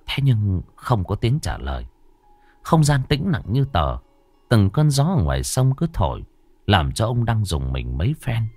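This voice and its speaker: Man, ghost story narration, lively pitch, dry close sound. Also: a little slow, no room sound, soft background music. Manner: expressive, varied pitch.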